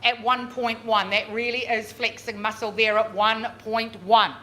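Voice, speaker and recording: High-voiced woman auctioneer calling bids. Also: flat delivery, sharp tone. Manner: drawn-out, repeated bid calls; chatty coaxing of bidders. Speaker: real estate auctioneer. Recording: noisy live auction room.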